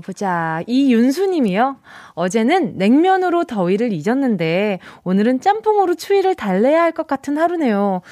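Her voice is high with a darkish tone: a young woman from Busan, South Korea, hosting a radio show where she laughs often, chats casually, and acts out listeners' texts. The studio microphone in the radio studio yields studio-quality audio without echo.

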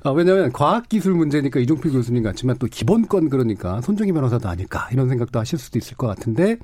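A man's voice: medium pitch, big pitch swings, rapid-fire, a little mellow, dry recording. A man speaking as a public radio host, introducing and moderating a debate show from a script.

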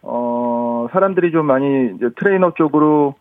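A man's voice: medium pitch, normal speed, no echo. A man calling in to a radio show over the phone, chatting casually and politely. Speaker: phone-in quiz contestant, fitness trainer. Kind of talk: casual interview chat. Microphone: telephone. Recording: tinny narrowband phone line.

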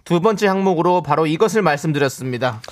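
Man, radio co-host, high voice, animated pitch, polite announcer phrasing, quick agreeing replies. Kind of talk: live radio banter. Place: radio studio with live audience.

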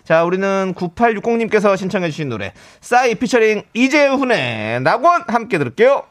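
A man's voice: sits high, big pitch swings, brisk. A man hosting a radio show in a casual chatty way, reading out listener messages with upbeat energy. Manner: upbeat, reads out listener texts. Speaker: radio host.

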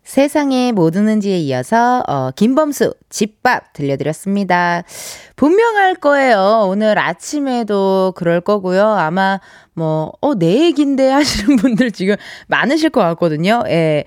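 Chatty radio DJ woman, lively voice. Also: mid-range voice, measured pace, few pauses, dry recording, clean studio sound. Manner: chatty, laughs easily. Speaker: radio host. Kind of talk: radio DJ reading listener texts. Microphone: studio microphone.

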